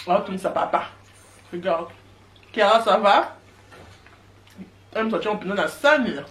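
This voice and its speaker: A woman's voice: medium pitch, expressive, moderate pace, a bit bright, slight background noise. A woman talking casually in a family vlog, switching languages and murmuring while she eats. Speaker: vlogger. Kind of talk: casual family vlog, mixing French and Lingala.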